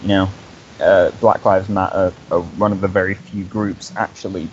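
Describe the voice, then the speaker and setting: Deep-voiced young man, dull lo-fi mic. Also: steady tone, normal speed, a little hiss or hum. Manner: earnest, profane, stammering restarts. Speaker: co-host. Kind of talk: casual chat on a live stream.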